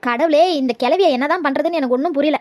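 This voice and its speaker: A sharp-tongued young daughter-in-law, played by a woman in a comedy skit. Her voice is high and she fires off her words quickly. The recording is close and dry. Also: no room sound, lightly acted. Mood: grumbling.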